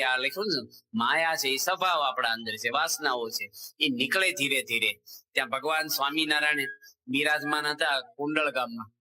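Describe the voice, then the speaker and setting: A man's voice: mid-range voice, rough recording. A man with a Gujarati accent, a swami giving a religious sermon, telling stories and acting out the quoted dialogue of their characters. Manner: animated storyteller, voicing characters in quoted dialogue. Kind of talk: sermon with storytelling.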